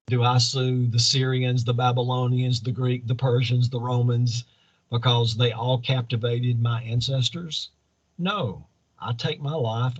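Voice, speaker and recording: A man's voice: mid-range voice, breathy edge, dull audio. A man answering as a political candidate in an interview, earnest and preacherly, building points in repeated parallel phrases. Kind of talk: campaign interview answers in speech-like statements.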